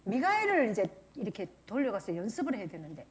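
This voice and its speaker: A woman's voice: mid-range voice, quick pace. A woman pastor preaching a sermon, telling stories and acting out the voices of people she quotes. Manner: animated storytelling, acts out voices in quotes. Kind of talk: sermon with storytelling.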